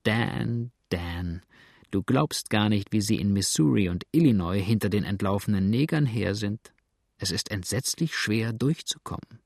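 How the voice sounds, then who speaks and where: A man voicing a wary, grumbling male fugitive who mutters in a low, hushed voice. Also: expressive, unhurried, gravelly, dry recording, studio quality, heavily acted. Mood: brooding.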